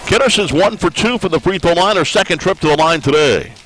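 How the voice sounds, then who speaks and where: A man's voice: a little high, expressive, brisk, fairly bright tone, slight background noise, rough recording. A man giving live play-by-play commentary on a college basketball game, folksy and conversational, with frequent "uh" fillers. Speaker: play-by-play announcer.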